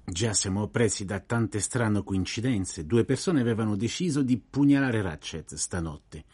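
A man doing a fussy aging detective, speaking in a very low, husky voice. He is polite and measured, with a weary edge, in an audiobook reading in a dry, close sound. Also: expressive, darkish tone, dry recording.

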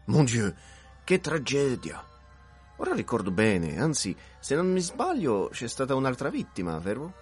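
An actor playing an excitable, talkative railway director in a radio play, exclaiming often in a husky voice. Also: male voice, mid-range voice, a little slow, soft background music, heavily acted. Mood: excited. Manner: animated, exclamatory.

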